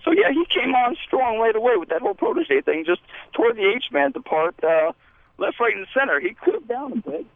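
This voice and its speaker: Man doing a squeaky gravelly puppet voice on a phone line. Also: sing-song, no echo, exaggerated voice. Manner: rambling, quick to get riled up. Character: excitable defensive male puppet caller. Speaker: caller.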